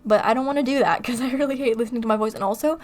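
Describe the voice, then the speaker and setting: Chatty rambling woman, slightly high voice. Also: a little mellow. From California. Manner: rambling, chatty, quick to laugh at herself. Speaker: video creator. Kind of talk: casual voice-over chat. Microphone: desktop mic on computer recording software.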